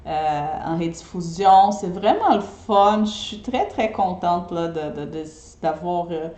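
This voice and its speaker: Speaking French at a measured pace, a Brazilian woman whose native tongue is Portuguese has an accent mixing Brazilian and Québécois, her low-side, darkish voice full of lively intonation. As an eco-friendly party decorator, she chats casually in a live video and often checks in with viewers by asking "ok?". The sound is reverberant.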